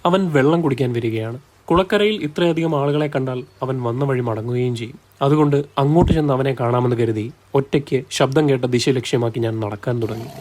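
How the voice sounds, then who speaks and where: Male narrator for a hunting tale; reads briskly and evenly, medium pitch. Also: a little mellow. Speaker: storyteller. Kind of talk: scripted narration of a hunting story.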